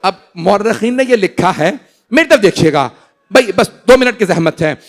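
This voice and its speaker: A male cleric with a Pakistani Urdu accent gives a Muharram mourning sermon in a large indoor hall, reciting tragic episodes in a slow, lamenting way. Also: high voice, lively intonation.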